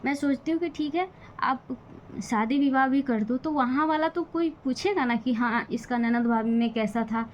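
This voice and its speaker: A woman's voice: sits high, normal speed, muffled recording, a little hiss or hum. A young woman talking in a casual vlog, venting with bitter, defiant frustration about her family. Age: young adult. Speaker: vlogger. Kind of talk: casual personal vlog talk.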